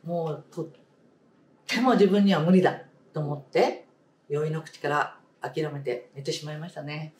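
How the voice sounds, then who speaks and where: A woman teacher leading a read-aloud lesson, speaking slowly and emphatically, repeating key words and asking the class questions. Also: low-pitched, a little mellow, a little hiss or hum. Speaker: primary school teacher. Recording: roomy sound, distant mic.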